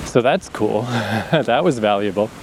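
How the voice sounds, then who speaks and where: Speaking unhurriedly but with animation, a man in his thirties with a lowish voice and a slight Atlantic Canadian accent hosts a podcast outside in a breezy city setting. He rambles candidly, swears freely, and laughs a lot, with background noise audible.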